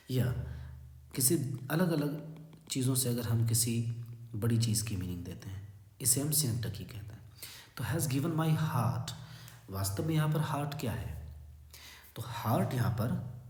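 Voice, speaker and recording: A man's voice: medium pitch, darkish tone. Man teaching in an echoey room. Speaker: English teacher. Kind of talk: Hindi-English classroom explanation.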